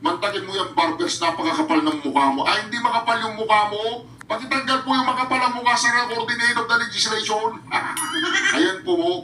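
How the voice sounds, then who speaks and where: A man's voice: sits high, brisk, pushed and bright, echoey room, distant mic, rough recording. A man doing mocking reaction commentary, taunting, often bursting into laughter and addressing his viewers directly. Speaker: reaction vlogger.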